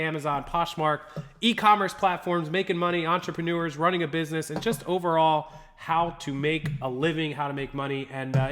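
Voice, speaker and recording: A livestream host greets viewers by name, chatting in a casual, upbeat way with his chat. His voice is a little high, pushed and bright, and he sounds slightly congested from a stuffy nose.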